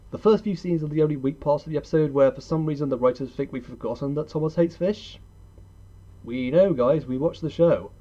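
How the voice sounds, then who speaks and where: A young man with a warm, mid-range voice narrates a scripted countdown review, sounding opinionated and conversational and throwing in rhetorical questions. He's a video host and reviewer, and the audio is dull.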